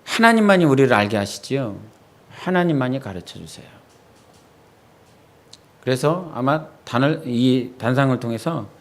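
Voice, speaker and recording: Male pastor preaching conversationally. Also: medium pitch. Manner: conversational preaching, quizzing the congregation with quick questions. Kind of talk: sermon at a midweek church service. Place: church sanctuary.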